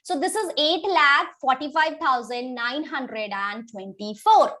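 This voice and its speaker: High, bright-voiced Indian woman teaching maths. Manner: brisk, urging pupils along, Hindi interjections. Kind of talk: live online class for children.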